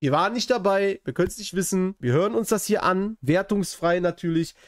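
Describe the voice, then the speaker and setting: A man's voice: sits high, fairly quick, no echo, studio quality. A man hosting a reaction commentary, talking casually, hedging his points and often ending with tag questions. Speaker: host reacting to a video. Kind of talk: commentary chat.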